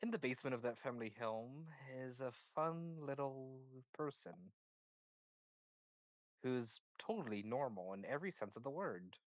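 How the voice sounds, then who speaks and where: A man's voice: medium pitch, expressive, moderate pace, dry recording, lo-fi sound. A man running an online tabletop game as game master. He stops and restarts his sentences while he recaps.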